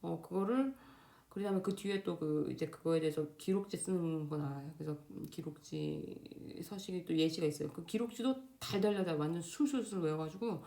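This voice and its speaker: A young woman talking casually to camera at home, quick and loose with many fillers and restarts. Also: fairly low pitch, gravelly, mellow. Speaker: Korean doctor in Germany giving exam advice. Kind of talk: casual unscripted vlog talk. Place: home, indoors. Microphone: camera facing speaker.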